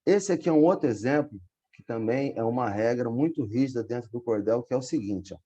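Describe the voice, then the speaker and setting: A man teaches a poetry class over a video call, patiently walking through each point and checking that everyone follows. His voice sits at a mid pitch with a dark, mellow tone. The audio comes through dull and lo-fi. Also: animated, a little fast. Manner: patient, explains step by step with frequent check-ins. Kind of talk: online class explanation.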